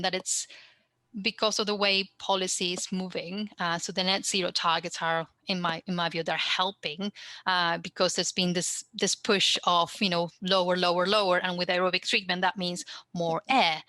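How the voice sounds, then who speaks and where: Low-voiced woman panelist. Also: sharp tone, no room sound. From Argentina. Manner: thoughtful, hedging, frequent restarts. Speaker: panelist, university researcher. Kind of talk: conference panel discussion. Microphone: video call.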